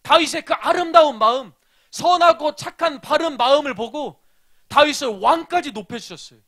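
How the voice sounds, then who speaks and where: A pastor delivers a children's sermon, telling a story and quizzing the kids, swinging between loud emphasis and hushed asides. His voice is very high-pitched and expressive, at a normal speed.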